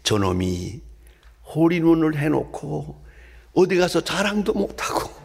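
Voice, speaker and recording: A preacher doing God as an unhurried, wryly amused elder. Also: male voice, fairly high pitch, sing-song, gravelly, a little mellow, slightly rough, exaggerated voice. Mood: calm wry. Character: God, calm and wry elderly male deity.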